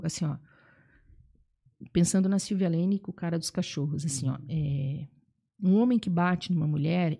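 A woman's voice: fairly low pitch, mellow. A middle-aged woman, a psychologist and teacher, telling stories animatedly in an interview. She leans on fillers and acts out quoted voices. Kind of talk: conversational interview storytelling.

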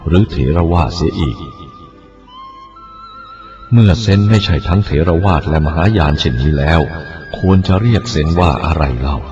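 A male Buddhist monk reading a written teaching aloud in a measured, deliberate way. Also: sits low, lively intonation, darkish tone. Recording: dull lo-fi recording with faint music.

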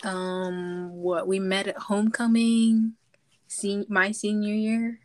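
A young woman from Zambia joins a podcast as a guest and chats casually. She tells her stories with plenty of likes and ums, in a mid-range voice. She sounds relaxed and talkative. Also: medium pitch, slow, a little hiss or hum. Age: young adult. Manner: chatty storyteller, many likes and ums.

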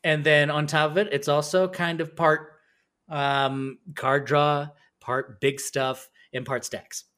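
A man co-hosting a podcast in casual chat, rambling and animated, acting out other players as he tells stories. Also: a little high, takes it slowly. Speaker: podcast co-host.

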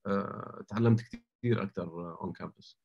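Low-voiced man. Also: normal speed, gravelly, a little mellow, muffled recording. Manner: mixes English words into Arabic. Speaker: interview guest. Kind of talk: casual conversational interview, giving advice.

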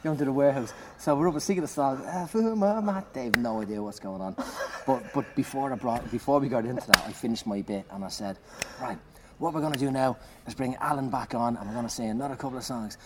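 A male comedian telling an animated, profanity-laced story in casual chat, laughing as he goes. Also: medium pitch, fast talker. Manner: animated, swears freely, laughs through his story. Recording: clear background noise.

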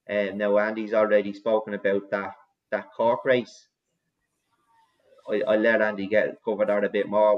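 A man giving rambling, opinionated racing tips in a casual podcast chat. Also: fairly low pitch. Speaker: racing tipster. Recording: dull lo-fi sound.

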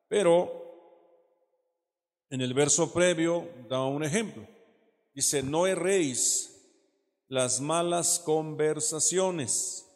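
A man teaches a sermon in a church hall, his voice trailing off into a long reverb. He explains patiently, keeps asking "¿verdad?" and slows to read the verses aloud. His voice sits at an ordinary middle pitch. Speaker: preacher.

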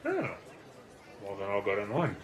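A man playing a tabletop game, chatting casually and speaking in character with jokey, halting restarts. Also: on the low side, wildly swooping pitch, a faint crowd, a little hiss or hum. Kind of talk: casual play and in-character talk.

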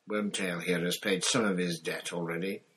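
A man playing a cold, mocking dark wizard lord who speaks in a soft, deliberate, menacing way, as in an audiobook story. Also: deep voice, fairly even intonation, slightly rough.

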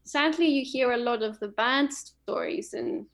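A young woman with a slightly high voice talks with a friend in a warm, positive way, thinking aloud and agreeing often. She sounds easygoing and sure of herself. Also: unhurried. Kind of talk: casual chat.

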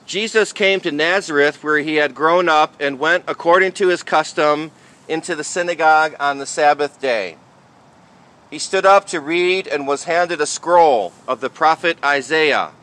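A man speaking as a priest in a liturgical reading and homily style, with measured, deliberate phrasing. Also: on the high side, bright, forceful tone. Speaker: priest reading the Gospel and preaching.

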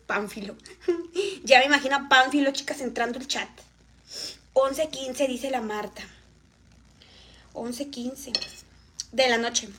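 A woman's voice: high-pitched, a bit bright. A woman with a Mexican accent chatting to viewers while eating on a live stream.

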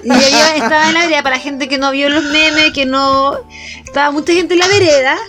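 A woman with a Chilean accent, chatting casually as a co-host and telling stories in an animated way. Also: high-pitched, fairly quick, over loud music. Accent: Chilean Spanish. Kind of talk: casual chat.

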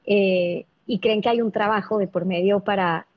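A woman hosts an interview and sums up her guest's ideas with thoughtful questions. Her mid-pitched voice is husky. The recording is dry and slightly dull. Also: steady tone, moderate pace, dry recording. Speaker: host. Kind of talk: interview hosting.

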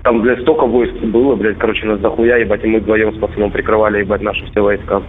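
A soldier calling home, talking bluntly and swearing constantly, heard as an intercepted call over a radio. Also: male voice, lowish voice, little pitch movement, fast. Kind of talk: casual phone call. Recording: tinny intercepted radio line, faint hiss.

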